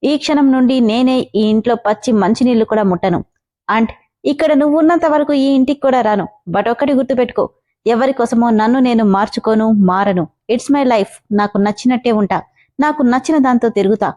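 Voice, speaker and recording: A woman's voice: fairly high pitch, fairly quick, dark tone, lightly acted. A woman voicing a cold, stubborn, proud young man who speaks curtly. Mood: defiant. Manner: curt and defiant.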